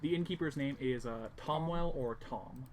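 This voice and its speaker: A man explaining a fantasy world as game master in a loose, halting way, full of small pauses. His voice sits at a middle pitch, and a faint hiss runs behind him. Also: darkish tone. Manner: casual, halting, with many fillers. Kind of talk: narrating a tabletop game.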